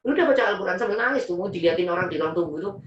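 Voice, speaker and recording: Fast-talking Javanese-accented male preacher, echoey room. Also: high-pitched, far from the mic, highs cut off. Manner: emotional, animated storytelling, mixing in Javanese words. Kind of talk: personal story in a religious talk.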